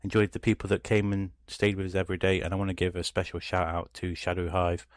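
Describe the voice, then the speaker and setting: A man with a very low voice co-hosts a casual gaming podcast. He is laid-back and dryly grumbling. The sound is dry and close. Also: little pitch movement, fast, no echo. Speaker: podcast co-host.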